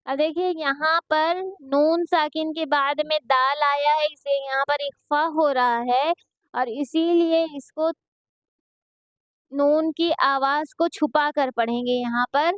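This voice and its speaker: A woman's voice: high voice, fairly even intonation, takes it slowly, dry recording. A woman teaching Quran reading, patiently spelling out letters and syllables, then explaining the rules. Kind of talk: slow spelled-out recitation drills with explanations.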